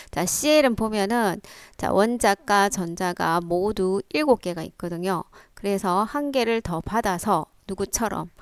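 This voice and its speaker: A woman's voice: medium pitch, smooth, no room sound. A woman science teacher explaining step by step in a lecture, prompting with rhetorical questions. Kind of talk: classroom lecture.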